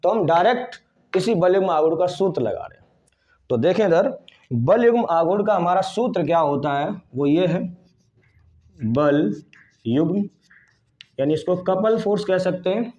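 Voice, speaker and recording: A man's voice: sits high, a little mellow, lo-fi sound. A man teaching physics at a board with a Hindi-speaking Indian accent, repeating key terms and asking questions back to the class. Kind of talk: whiteboard lesson.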